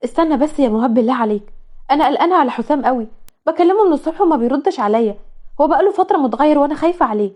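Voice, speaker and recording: A woman's voice: high-pitched, animated, racing, a little mellow, voice pushed up. A woman with an Egyptian accent voicing a heartbroken, anxious young woman who pleads in distress. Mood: distraught. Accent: Egyptian Arabic.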